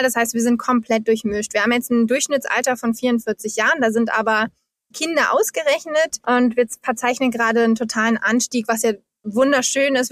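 High-voiced woman explaining with enthusiasm. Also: no echo. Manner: explains figures steadily and enthusiastically. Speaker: guest, founder of a forest project. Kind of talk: interview answers.

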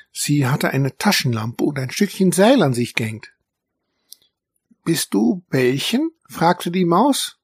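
A man reading a children's story aloud as a narrator, calm and measured. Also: medium pitch, breathy edge, no echo, clean studio sound.

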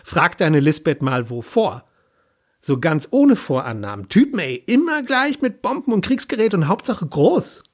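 A man with a husky voice voicing a blunt, cursing young woman with colorful hair, stranded on a phone call. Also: sits high, sing-song, normal speed. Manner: blunt, casual, sarcastic.

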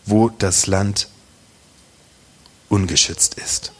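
A preacher reading as a stern accusing ruler. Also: male voice, lowish voice, steady tone, drawn-out words, a bit bright, slight background noise, pitched below the performer's own voice.

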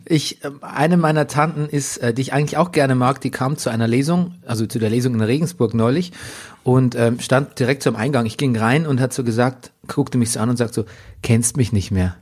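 Husky man telling stories. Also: brisk. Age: middle-aged. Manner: drops low and quiet when quoting himself, laughs often. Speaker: podcast co-host. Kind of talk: casual chat, anecdote telling.

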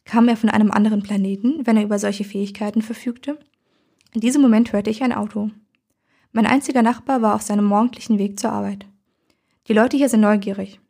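Husky woman reading a story aloud. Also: medium pitch, steady tone, a little fast, mellow. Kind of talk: first-person audiobook narration.

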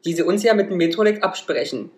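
A man's voice: high voice, lively intonation, quick pace, darkish tone. A man with a Berlin accent in a casual chat, joking and blunt, with slangy remarks. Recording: roomy echo.

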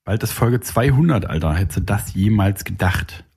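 A man's voice: on the low side, expressive, normal speed, darkish tone, husky. A man co-hosting a podcast in casual comedic chat, joking around and dropping into silly sounds. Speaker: podcast co-host.

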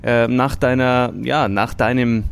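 A man's voice: medium pitch, fairly even intonation, a little slow, vocal fry, clean tone. A man hosting an interview in a restaurant, speaking enthusiastically with many fillers. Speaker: podcast host, interviewer. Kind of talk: casual interview. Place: restaurant in Munich.

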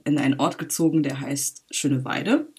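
A young adult woman from Berlin, a filmmaker guest in a casual interview, talking in a lively way with frequent laughs and fillers. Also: low-pitched, moderate pace. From Berlin, Germany.

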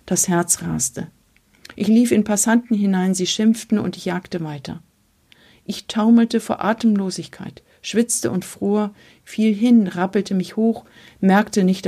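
Gravelly, husky woman reading aloud. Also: mid-range voice, mellow. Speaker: reader. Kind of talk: literary reading of a memoir.

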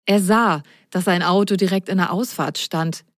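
A woman reading a children's story aloud in a gentle, expressive way. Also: on the low side, moderate pace, no room sound. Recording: dry close voice, faint music.

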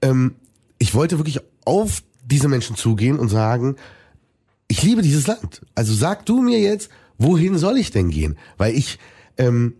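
A man in an interview, talking earnestly and reflectively with many pauses and restarts. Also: mid-range voice, very animated, mellow, slightly rough. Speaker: musician guest. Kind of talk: conversational interview.

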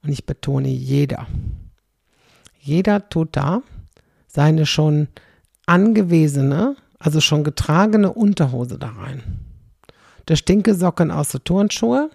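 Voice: mid-range voice, animated, a little slow, gravelly, a little mellow, slightly rough, dry recording, studio quality. A middle-aged comedian, doing a chatty, rambling stand-up monologue and tagging sentences with "ne?". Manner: rambling, chatty, constantly tags "ne?".

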